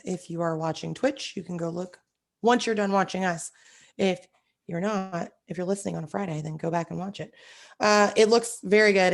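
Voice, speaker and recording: A young woman co-hosting a podcast in casual chat, her voice hoarse and raspy, telling things with enthusiasm. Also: mid-range voice. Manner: animated storytelling, enthusiastic. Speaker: podcast co-host.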